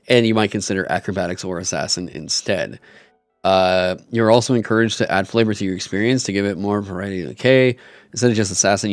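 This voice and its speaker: A man with a lowish voice talks through tabletop game rules in a frank, wry, casual way, filling pauses with ums. Now and then he hiccups. The sound is dry and close, with faint music underneath. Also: no room sound. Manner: wry, frank, lots of fillers. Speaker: co-host reviewing a tabletop game. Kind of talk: casual podcast chat, reading rules aloud.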